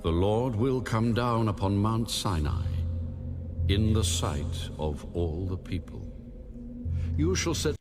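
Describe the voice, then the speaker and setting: Casting: God in an audio Bible drama, commanding, deep, very measured delivery. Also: male voice, animated, over music. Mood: solemn command. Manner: solemn, deliberate. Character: God, a solemn commanding male deity giving stern orders.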